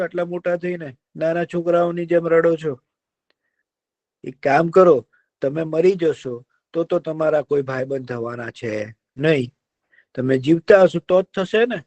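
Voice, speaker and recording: A man doing a kind, gentle deer. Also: fairly high pitch, fairly even intonation, unhurried, pauses often, dry recording, voice pushed up. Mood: coaxing. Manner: soothing, coaxing.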